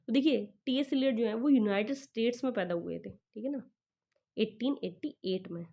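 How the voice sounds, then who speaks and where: A woman teacher working through exam questions, reading the English lines slowly and explaining them in Hindi. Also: fairly high pitch, a little mellow.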